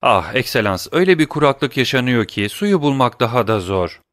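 A man's voice: medium pitch, sing-song, a little fast, a bit bright, no echo, studio quality, voice pushed up. A man voicing a sly, mock-courteous bandit guard in an audiobook. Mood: mock-polite. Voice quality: mock-polite, falsely eager.

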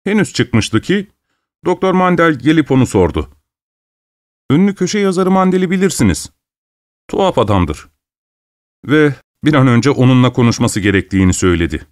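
A man reading a story aloud in a calm, measured way with dry humor. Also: mid-range voice, no echo. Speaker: narrator. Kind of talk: scripted story narration.

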